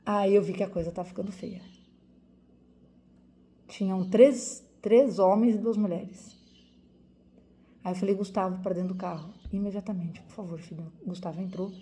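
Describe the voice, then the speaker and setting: Woman from Brazil, forties, doctor, personal story to viewers, emotional and repetitive, mellow warm tone. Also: medium pitch, steady tone, moderate pace, pauses often. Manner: emotional, vivid retelling with repetition.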